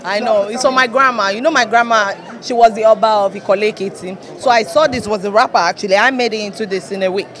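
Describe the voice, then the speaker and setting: Woman, Nigerian accent, quick pace, designer, casual red carpet interview, busy crowd behind. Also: medium pitch, fairly bright tone. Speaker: fashion designer being interviewed. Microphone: interviewer's handheld microphone.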